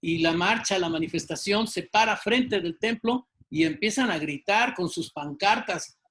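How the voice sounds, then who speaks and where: A man, a guest exhorting listeners in a slow, emphatic, preacherly way with frequent fillers. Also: sits high, fairly bright tone, low-quality recording. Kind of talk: exhortation in an interview.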